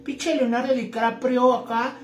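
A man voicing a cocky female magic snake genie with a Mexican accent, who hushes and talks in street slang. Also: extremely high pitch, level tone, measured pace, roomy sound, a little hiss or hum, pitched above the performer's own voice. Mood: cocky, slangy. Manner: streetwise slang, hushing "shh" before speaking.

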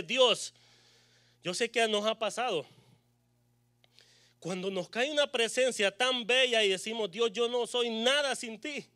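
A man's voice: very high-pitched, bright, forceful tone, no room sound, studio quality. A man preaching a sermon as pastor, emphatic, asking rhetorical questions and quoting prayers aloud.

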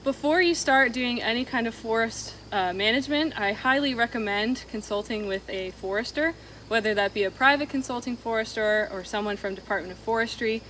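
A woman in her thirties, a wildlife biologist, explaining forest habitat outdoors in a steady, explanatory way, with a clip-on mic. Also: on the high side, brisk, slight background noise, low-quality recording. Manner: steady, explanatory, walking and pointing at plants. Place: forest clearing and woodland, outdoors.

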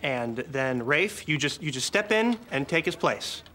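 Nervous stammering director, slightly high bright voice, flustered sitcom acting. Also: male voice, expressive. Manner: halting, stammering. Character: hesitant, flustered, eager-to-please male film director.

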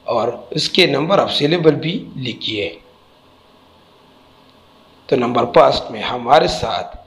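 A man's voice: medium pitch, bright, forceful tone, low-quality recording. A man teaching a textbook lesson, spelling out letters and repeating each word carefully.

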